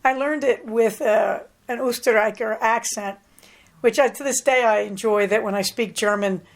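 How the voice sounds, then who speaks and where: With a slightly high, creaky voice, steady tone, and moderate pace, a middle-aged woman from the United States hosts her podcast alone. She chats casually and rambles, tossing in plenty of asides.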